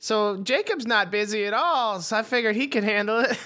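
A man putting on a high, squeaky voice as his absent male co-host, teasing. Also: fairly quick, sharp tone.

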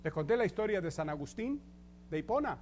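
A male pastor giving an emphatic sermon in a high, bright voice. He addresses the congregation directly with questions, and a faint hum lingers in the background. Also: sing-song, brisk.

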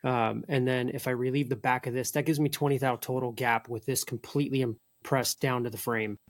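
A man's voice: medium pitch, steady tone, a little fast, no room sound. A man in casual shop talk, a machinist thinking aloud as he works through his plan. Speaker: machinist making folding knives.

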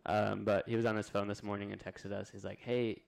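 A young man co-hosting a podcast, telling a funny family story in a relaxed, laughing way. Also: lowish voice, fast talker, gravelly. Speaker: podcast co-host. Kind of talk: casual chat.

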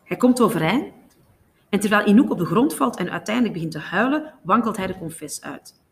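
A woman narrating a novel in a steady, even storytelling manner. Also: medium pitch, a little fast. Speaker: audiobook reader.

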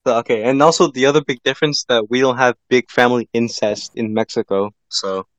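A man's voice: medium pitch, steady tone, fairly quick, dry recording. A man co-hosting a podcast who tells long, rambling stories in casual chat, peppering them with "like" and "bro.". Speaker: podcast co-host. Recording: dry, dull lo-fi sound.

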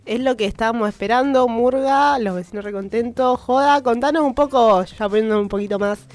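A woman's voice: on the high side, fairly quick, a little mellow. Female radio host, chatty and playful, faint music underneath. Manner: chatty, joking. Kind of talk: casual radio interview.

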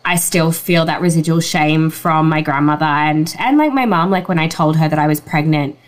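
A woman's voice: low voice, moderate pace. A woman telling a personal story as an interview guest, in a casual, conversational way peppered with "like" and "you know".

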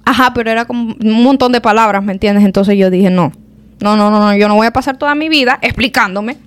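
A woman, chatting as a podcast guest and telling lively stories. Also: fairly high pitch, fairly quick. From Central America. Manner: animated storyteller, quotes others in lively voices. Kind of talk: casual conversation.

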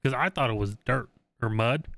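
A man's voice: mid-range voice, normal speed, creaky, a bit bright, no echo. A man co-hosting a podcast in laid-back casual chat with dry humor. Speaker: podcast co-host.

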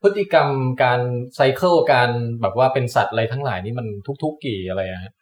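A man's voice: medium pitch, lively intonation, a little fast, reverberant. A man hosting a podcast, chatting casually and throwing in jokey remarks. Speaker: podcast host. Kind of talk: casual chat.

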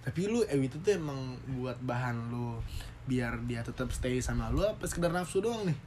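A man's voice: mid-range voice, animated, normal speed, darkish tone. A young man with a Jakarta Indonesian accent co-hosting in casual, slangy banter, joking and teasing. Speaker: podcast co-host. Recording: clearly noisy background.

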